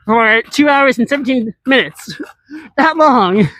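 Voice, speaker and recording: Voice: high voice, lively intonation, slow pace, a bit bright. An IRL streamer chatting casually with viewers while walking and scootering outdoors through a large city, rambling and answering chat as they go.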